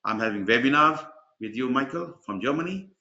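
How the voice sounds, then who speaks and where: A man's voice: mid-range voice, animated, fairly quick, pushed and bright. A man hosting an online webinar, chatty and rambling, with many fillers. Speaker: webinar host and exam mentor. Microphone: video call. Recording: dull, echoey video call audio.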